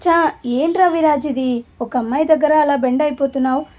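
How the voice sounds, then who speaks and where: A woman's voice: sits high, a little fast, darkish tone, natural voice. Brief: proud, short-tempered young man, dismissive; read by a woman narrator. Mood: irritable.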